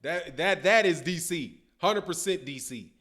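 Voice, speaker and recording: Seated at his desk in a dimly lit home room, this boxing channel host talks through a webcam while going over viewer comments. He's a middle-aged Chicagoan with a fairly high, expressive, slightly bright voice and a measured pace, keeping things casual and slangy.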